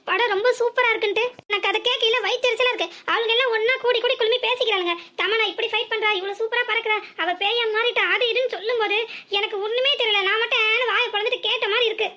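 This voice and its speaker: Give me a woman playing a snappy young village wife in a cartoon, with a southern Tamil accent, bright and fast. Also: extremely high pitch, steady tone. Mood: pleading. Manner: snappy, sarcastic retorts. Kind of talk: cartoon voice acting.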